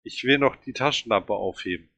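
Ein Mann liest eine fürsorgliche Frau, die einem gefesselten Jungen hilft, in einem vorgelesenen Buch. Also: male voice, lowish voice, bright, forceful tone. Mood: fürsorglich. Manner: hurried, caring. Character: kind woman helping a tied-up boy.

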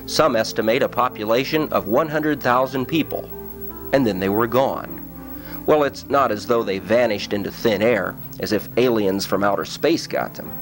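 A man giving scripted documentary narration in a measured, explanatory way. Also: medium pitch, faint music behind.

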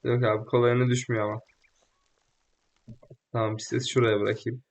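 Excitable young man doing game commentary. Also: mid-range voice, brisk. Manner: joking, excitable, slangy, talks to the game. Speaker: gaming YouTuber. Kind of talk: casual let's-play commentary.

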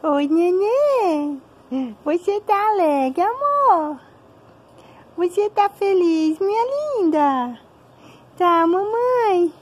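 A woman with a very high, drawn-out voice coos at her infant daughter. She talks slowly, in a sing-song, repetitive way. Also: big pitch swings. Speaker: mother. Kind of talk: baby talk to an infant.

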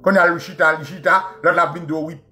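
A man with a Haitian Creole accent, hosting a show and delivering an impassioned, mocking monologue. He repeats phrases and swings between loud outbursts and low asides. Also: steady tone, fast, soft background music. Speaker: radio show host.

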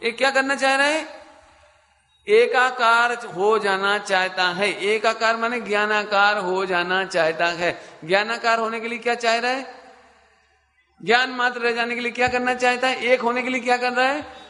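A man's voice: very high-pitched, fairly even intonation, pushed and bright, big-room sound. A man giving a spiritual discourse to a live audience as a Jain teacher, who keeps asking his listeners questions and answering them himself. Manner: chants scripture lines slowly.

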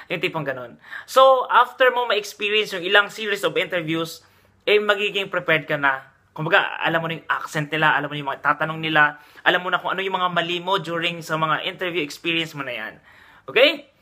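Chatty man, bright high voice. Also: a little fast. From Philippines. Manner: chatty, addresses viewers as guys, frequent okay checks. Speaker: vlogger giving job tips. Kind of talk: casual chatty vlog. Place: Dubai.

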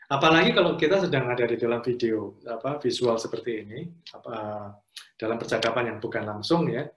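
Guy teaching interview skills on a video call, talks casually, acts out little dialogues, echoey dull audio. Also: mid-range voice. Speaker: career trainer. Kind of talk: online training lecture.

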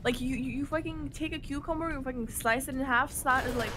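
A woman chatting casually with friends over voice chat, animated and insistent, laughing often. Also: high voice, brisk. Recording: noisy voice chat audio.

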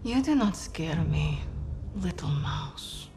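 A young actress playing a battered, defiant Soviet sniper held prisoner in a video game, terse and taunting. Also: female voice, low voice, expressive, slow. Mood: defiant, mocking. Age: young adult. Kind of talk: dramatic video game acting. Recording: loud music behind the voice.

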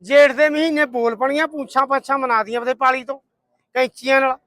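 A man's voice: extremely high pitch, steady tone, brisk, fairly bright tone, no echo, studio quality. A Punjabi man hosting livestock market videos, bargaining in a hearty, outspoken, bantering way.

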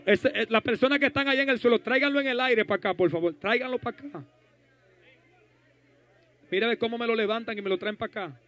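A male pastor leading a fervent deliverance prayer, commanding and hushing the crowd by turns. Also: very high-pitched, fast, pauses often. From Dominican Republic. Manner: fervent, commanding, shouting and hushing, speaks in tongues. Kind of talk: deliverance prayer and prophecy at a service.

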